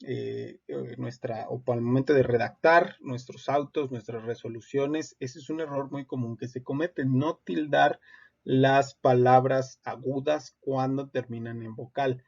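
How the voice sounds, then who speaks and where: Guy teaching a lesson, kinda gravelly voice, lots of eh, dull lo-fi sound. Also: medium pitch, measured pace. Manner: explanatory, steady, many "eh" fillers. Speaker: instructor. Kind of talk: recorded legal-writing lesson. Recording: dull lo-fi recording.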